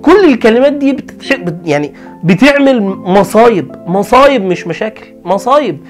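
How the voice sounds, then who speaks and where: A man with an Egyptian Arabic accent teaching customer service in a lively way, acting out exchanges with customers. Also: high-pitched, moderate pace, faint music behind. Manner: animated, acts out customer exchanges. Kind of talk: energetic instructional talk.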